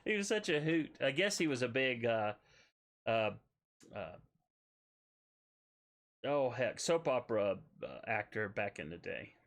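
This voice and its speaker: A man's voice: mid-range voice, expressive, measured pace, long pauses, fairly bright tone. A man from the South, chatting casually on a game stream, reading chat aloud with many hesitations. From Southern United States.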